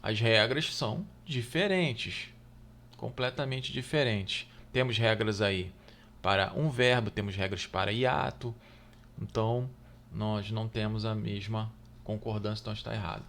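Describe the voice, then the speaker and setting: Man, low pitch, grammar tutor, exam-prep lesson, slow read-outs, quick low asides, checks in with listeners. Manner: reads questions slowly and louder, then answers in a quick low aside; checks in with "tá?" and "né, gente?".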